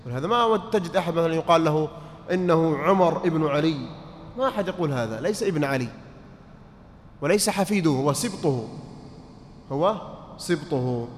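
Sheikh giving a mosque lesson, keeps asking "clear?", voice rings around a big hall with a faint hiss underneath. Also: male voice, on the high side, lively intonation, fast, long pauses. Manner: quizzes students, repeats points, keeps checking they follow. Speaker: sheikh teaching inheritance law. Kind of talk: mosque study-circle lesson.

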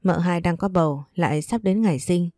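A woman's voice: fairly low pitch, brisk, mellow, dry recording, studio quality, lightly acted. A woman doing a timid, pleading maid. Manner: pleading, deferential.

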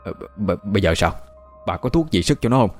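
A man voicing a blunt, rough middle-aged man who talks urgently and stammers when scared. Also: lowish voice, expressive, fairly quick, faint music behind.

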